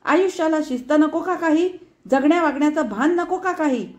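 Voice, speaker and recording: A woman's voice: sits high, measured pace, a little mellow, voice pushed up. A woman voicing a harried, angry middle-aged mother who scolds sharply and sarcastically in a told story. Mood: furious scolding.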